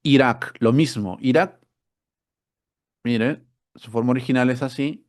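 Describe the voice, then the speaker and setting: A man's voice: mid-range voice, a little slow, a little mellow. Man teaching a spelling class. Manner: explanatory, asks rhetorical questions, repeats words. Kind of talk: online spelling workshop lesson.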